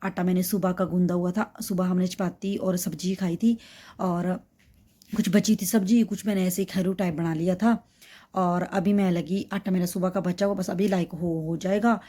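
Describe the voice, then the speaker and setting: A woman from India chatting in her home kitchen for a casual cooking vlog, recorded on a phone. Her voice sits a little low and sounds mellow and warm. She rambles, with lots of fillers and restarts. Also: fairly even intonation, normal speed. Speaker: vlogger.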